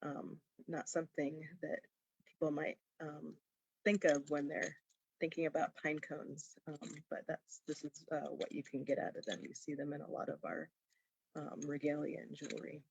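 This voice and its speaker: A woman giving an informal explanatory video address in a halting way. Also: sits low, fairly even intonation, creaky, a little hiss or hum, rough recording. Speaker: powwow participant explaining regalia.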